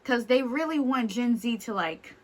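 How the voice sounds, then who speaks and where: A young woman talks straight to her camera in a casual, unscripted rant. Her voice sits a little on the high side, and she is blunt, exasperated and liberally profane, hammering her points home. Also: animated, normal speed. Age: young adult. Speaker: vlogger.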